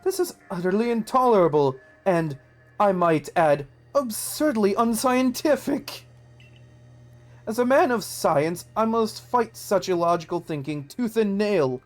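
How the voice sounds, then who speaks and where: A streamer voicing an excitable male professor and man of science, reading game dialogue aloud in character in a raised, fussy voice. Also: medium pitch, measured pace, soft background music, pitched above the performer's own voice, lightly acted. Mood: indignant. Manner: indignant and fussy.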